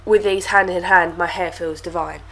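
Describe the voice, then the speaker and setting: This young beauty vlogger's voice sits on the low side, fairly even in intonation, moderate in pace, and a bit bright. Stuffy-nosed from a cold, she chats and rambles through a casual product review to camera, repeating words and filling gaps.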